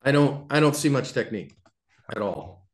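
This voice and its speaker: A middle-aged man giving casual, animated commentary on a video, acting out quotes and laughing along. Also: medium pitch, moderate pace. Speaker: self-defense video commentator. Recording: roomy echo.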